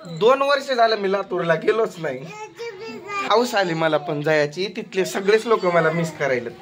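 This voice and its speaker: A man's voice: high voice, lively intonation, moderate pace. A man, chatting at home in a family vlog and teasing and scolding in turns. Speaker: family vlogger. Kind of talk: casual family chat on camera.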